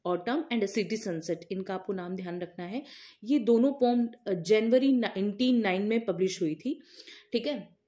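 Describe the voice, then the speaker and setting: A woman's voice: on the high side, mellow. A woman teacher, giving an exam-focused literature lecture that mixes Hindi and terms, asking questions and answering them herself. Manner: explains in Hindi with many English terms and filler pauses; repeats key points, asks and answers her own questions.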